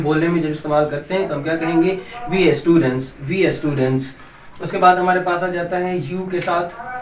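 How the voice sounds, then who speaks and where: A man explains English grammar in a steady lesson style, going over each example patiently and adding polite little asides. His voice sits a touch high. The recording picks him up from a distance in a reverberant room, with a faint hiss underneath. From Pakistan. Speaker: English teacher.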